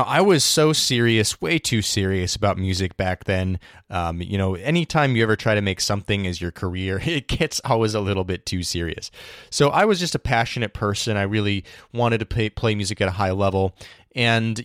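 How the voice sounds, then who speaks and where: Low-voiced man hosting a jazz podcast. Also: no room sound, clean studio sound. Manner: relaxed, thoughtful, with frequent fillers. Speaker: podcast host, jazz educator. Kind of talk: casual storytelling monologue.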